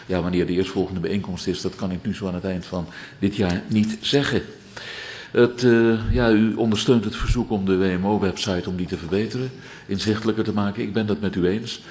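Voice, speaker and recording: A man with a fairly low voice answers council members as alderman. He explains at length and turns formally to each member in the chamber. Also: fairly even intonation, fairly quick, darkish tone. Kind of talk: formal council debate reply.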